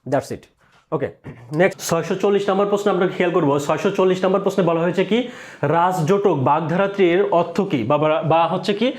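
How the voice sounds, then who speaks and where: High-voiced man teaching exam prep. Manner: repeats answers slowly, asks and answers own questions.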